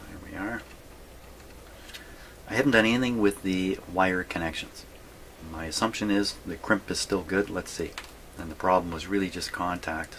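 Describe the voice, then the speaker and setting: Low and a bit bright, his voice carries a relaxed, rambling, down-home commentary as he thinks out loud. The speaker is a hobbyist host narrating a hands-on vintage radio repair vlog inside his workshop, and the background noise is clearly audible.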